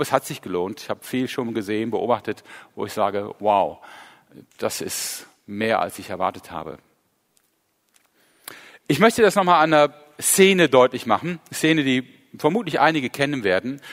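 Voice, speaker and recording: A man's voice: mid-range voice, animated, moderate pace, long reverb tail. A man preaching a sermon, retelling a Bible scene with earnest emphasis. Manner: earnest, storytelling with rising emphasis.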